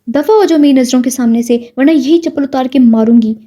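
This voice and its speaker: A woman voicing a bad-tempered middle-aged aunt who scolds angrily. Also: high-pitched. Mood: angry. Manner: angry, shouting, scolding.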